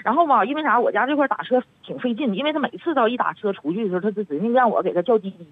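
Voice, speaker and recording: Fast, heated Northeastern woman on a phone line. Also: a little high, animated, husky. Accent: Northeastern Mandarin. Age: 30s. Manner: rapid, heated storytelling, acting out both sides of arguments. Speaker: caller. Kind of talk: phone-in advice call. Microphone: telephone. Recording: tinny dry phone line.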